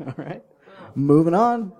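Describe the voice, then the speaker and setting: A man's voice: fairly high pitch, expressive, slow, darkish tone. A man hosting a live comedy debate show, joking and teasing the contestants and audience.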